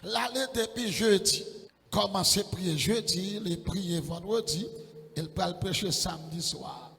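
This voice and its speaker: Impassioned preacher in an echoey church. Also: male voice, sits high, a little slow, vocal fry. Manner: impassioned, rising into shouted sing-song calls. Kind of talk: sermon.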